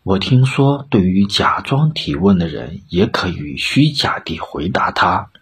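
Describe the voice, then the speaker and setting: A man gives voice to a wise old chancellor in an audio storybook. The voice is low and very husky, steady and stern, spelling out his reasoning point by point as if correcting a ruler. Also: exaggerated voice. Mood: measured. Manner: measured, admonishing. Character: shrewd old male chancellor, calm and stern.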